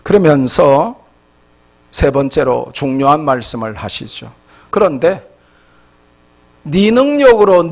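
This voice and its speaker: A middle-aged man with a Gyeongsang Korean accent, preaching a sermon as pastor, with emphatic delivery that swells loud when he reads scripture. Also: high-pitched. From South Korea.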